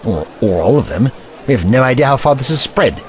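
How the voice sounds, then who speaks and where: A man's voice: mid-range voice, expressive, fairly quick, natural voice. A man playing an anxious, principled, eccentric time-travelling Doctor in an audio drama, with a fretful, dramatic manner. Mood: worried.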